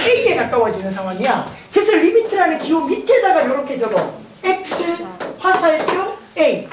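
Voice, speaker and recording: A woman with a Gyeongsang Korean accent teaching a math lecture, playful and often laughing as she questions the class. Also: sits high. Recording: roomy, distant mic, noisy.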